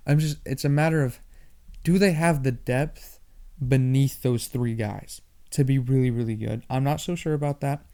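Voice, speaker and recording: A young man hosting a sports podcast, talking fast and animated in a casual monologue, often repeating himself. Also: medium pitch, smooth. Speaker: podcast host.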